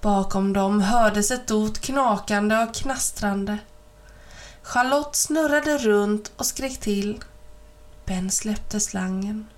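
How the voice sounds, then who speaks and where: A woman reading a children's story aloud as an audiobook, in even, clear storytelling narration. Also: mid-range voice. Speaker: reader.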